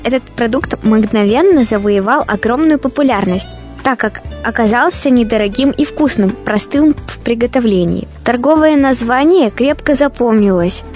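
A woman's voice: fairly high pitch, expressive, normal speed, a little mellow, faint music behind. A woman hosting a radio segment, reading scripted narration about food history.

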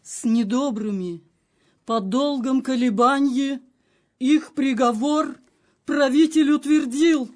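A woman's voice: sits high, takes it slowly, a little mellow. An actress playing an anguished noblewoman bearing grim news in a declaimed, tremulous verse drama style. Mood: grave.

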